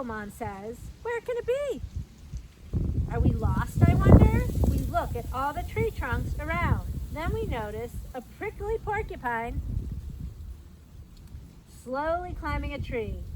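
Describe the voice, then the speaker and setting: Outdoors at an open trailhead by a fence, a middle-aged woman from the parks staff hosts storytime with her high voice. She reads a picture book to little kids in simple terms, stopping now and then to explain, and plenty of background noise comes through.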